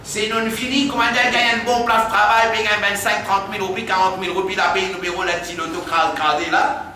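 Mauritian male preacher, high and bright voice, recorded far off in a very echoey hall with faint hiss. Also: fairly even intonation. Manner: recites Arabic verses quickly, then translates line by line; drops to a hushed, low tone when telling stories. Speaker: Islamic preacher. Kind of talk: sermon explaining Quran verses. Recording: very echoey hall, distant mic, faint noise.

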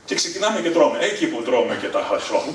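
A middle-aged man from Thessaloniki, Greece, telling funny family stories live on stage, animated and leaping to a high excited pitch at punchlines. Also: recorded from a distance, slight background noise. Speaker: stand-up storyteller. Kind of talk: live stand-up storytelling. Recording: echoey room, voice from afar.

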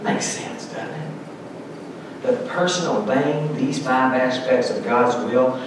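Speaking slowly at a medium pitch, a middle-aged pastor delivers a sermon from the pulpit, earnestly reading scripture with emphasis. The church sanctuary recording sounds far away and echoey, with background noise.

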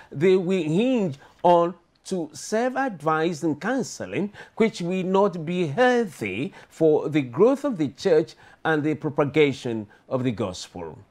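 A man's voice: a little high, unhurried, few pauses. A man reading the news formally as a studio anchor. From Nigeria. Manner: formal, lively newsreader delivery.

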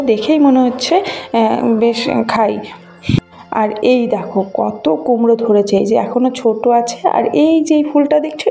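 A woman from Bengal narrates a casual walking vlog, gently enthusiastic as she talks straight to her viewers. Her voice sits fairly high but sounds soft and mellow. She films outdoors on a handheld phone, with faint music running underneath. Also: vocal fry. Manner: chatty, gently enthusiastic, talks to viewers while showing things. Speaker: village vlogger. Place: outdoors in a rural garden and fields. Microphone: handheld phone camera.

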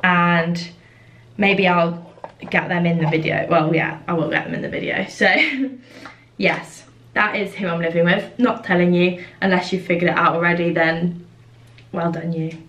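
A woman's voice: lowish voice, flat delivery, unhurried, fairly bright tone, lo-fi sound. A woman, chatting casually at home while doing her makeup, with lots of fillers. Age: 20s. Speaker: vlogger. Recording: roomy sound from a distant mic.

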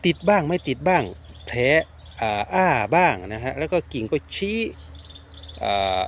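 A man's voice: a little high, big pitch swings, unhurried, a little hiss or hum. A man casually walking through his garden, explaining plant care step by step and often repeating his words. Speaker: garden owner and plant grower. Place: outdoor rural garden.

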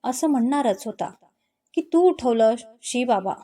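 A lively young office girl in a spoken love story, talking quickly and plainly, high and mellow in tone, as a woman storyteller puts her on. She pleads at times and snaps at times, an everyday voice with no heavy acting. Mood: whiny. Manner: pleading then sharp when crossed.

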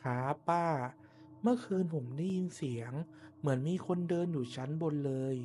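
A man voices a young male tenant in a spoken horror tale. He is polite, questioning and a little uneasy, with a soft, dark tone. Faint ambient noise runs behind him. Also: on the high side, expressive, normal speed, lightly acted. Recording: noticeable background noise and ambience.

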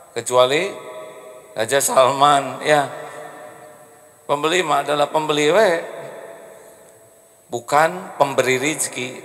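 A middle-aged preacher with a Sundanese accent gives a humorous, animated sermon on a handheld mic, joking and making big pitch jumps. He is in an indoor hall with carved wooden panels, and the recording carries the hall's long reverb.

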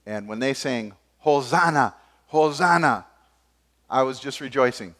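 An older man preaching a sermon from a church pulpit, gesturing as he moves between forceful emphasis and sudden quiet asides. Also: medium pitch, lively intonation, measured pace. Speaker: pastor. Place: church stage behind a wooden pulpit.

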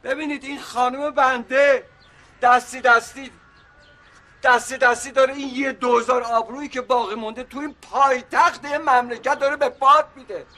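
A man's voice: extremely high pitch, fairly even intonation, sharp tone. An actor playing a middle-aged husband back from his supposed death, pleading and joking with his angry family in a comic TV series. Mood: exasperated. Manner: pleading and joking, then exasperated. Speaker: father of the family.

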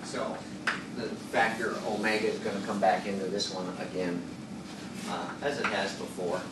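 A man in his sixties giving a chalkboard lecture, working through equations and thinking out loud, hesitating and correcting himself. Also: sits low, fairly even intonation, moderate pace. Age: 60s. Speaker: engineering lecturer. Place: classroom at a chalkboard. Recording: roomy classroom, distant mic, background noise.

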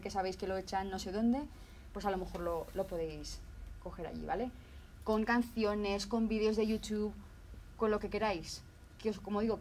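A woman's voice: medium pitch, darkish tone, slight background noise. Chatty Spanish woman teacher. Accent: Zaragoza Spanish. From Spain. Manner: chatty, many fillers and restarts, acts out examples. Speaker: language teacher. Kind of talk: casual video lesson.

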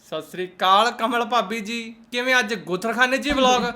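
A man's voice: extremely high pitch, brisk, bright, forceful tone, a little hiss or hum. A man with a Punjabi accent giving mocking, sarcastic reaction commentary in colloquial speech. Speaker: host of a roast reaction channel.

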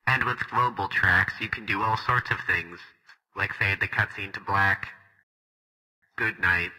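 A man's voice: deep voice, a little slow, bright, forceful tone, exaggerated voice, poor audio. A man voicing a boastful, cheerful male robot guide with a robotic voice effect, in a grandiose announcer style. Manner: grandiose, self-praising announcer delivery. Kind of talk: scripted demo narration.

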